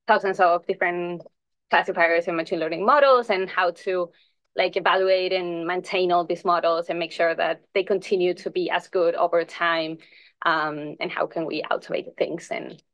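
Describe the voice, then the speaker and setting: A young woman from Chile presents her research in a relaxed, filler-heavy way. The recording is dry and close, with almost no room sound. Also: fairly low pitch, no room sound, muffled recording. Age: young adult. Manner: casual, many fillers like "like" and "um". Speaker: visiting PhD researcher presenting a talk.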